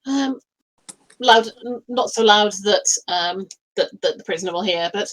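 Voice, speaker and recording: A woman playing a tabletop game, speaking gently and thinking out loud as she acts out her character. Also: medium pitch, normal speed, poor audio. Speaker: player. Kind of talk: tabletop role-play.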